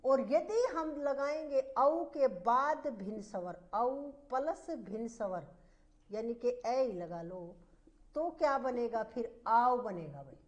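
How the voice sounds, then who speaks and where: A woman teacher giving a slow, repetitive grammar lesson, asking the class questions as she explains. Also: on the high side, expressive. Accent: Hindi.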